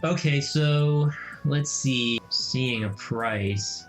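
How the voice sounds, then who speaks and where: A young man hosting a casual gaming vlog, talking excitedly and breaking into mocking silly voices. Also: mid-range voice, moderate pace. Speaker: gaming video host. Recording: echoey room, faint music.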